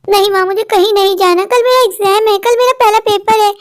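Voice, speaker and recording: A woman's voice: very high-pitched, steady tone, brisk. A woman voicing an anxious little boy in a cartoon story, whiny and insistent. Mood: upset. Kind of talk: dubbed Hindi cartoon story.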